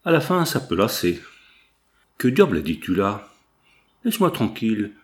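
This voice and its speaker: A man's voice: big pitch swings, normal speed. A man voicing a jealous, bitter working-class husband in an audiobook, his lines pleading and brooding. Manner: pleading then brooding, low grumbling. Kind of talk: audiobook dialogue reading.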